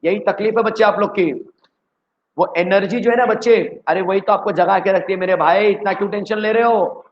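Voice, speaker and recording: An Indian man gives a lively chemistry lecture to students online, asking them questions again and again to keep them with him. His voice sits high for a man. The audio is dull and lo-fi. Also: a little fast. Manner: energetic, repeatedly quizzing students. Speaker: chemistry teacher. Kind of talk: online exam-prep lecture. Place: indoors, teaching online.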